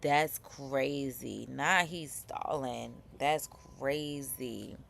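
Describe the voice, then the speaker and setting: An American woman hosting a casual live stream, reading viewer comments aloud and reacting with animated remarks. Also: extremely low pitch, extremely slow, creaky, a little hiss or hum. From United States.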